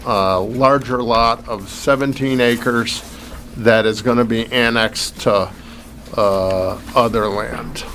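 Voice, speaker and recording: A man giving an unscripted, halting explanation as an applicant at a public hearing. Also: mid-range voice, steady tone. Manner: halting, searching for words. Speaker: applicant presenting a land plan. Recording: faint meeting room noise.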